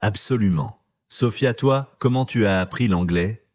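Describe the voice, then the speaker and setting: A man co-hosting a learners' podcast, speaking clearly and encouragingly like a teacher. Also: lowish voice, measured pace, a little mellow, dry recording. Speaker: podcast co-host. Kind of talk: scripted podcast dialogue for learners.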